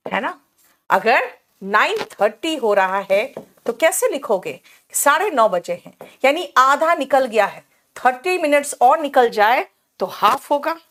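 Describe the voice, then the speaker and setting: A woman with an Indian accent teaching spoken English in a slow, repetitive way and calling her students "beta". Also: a little high, a bit bright. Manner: explains slowly, repeats words, calls students "beta".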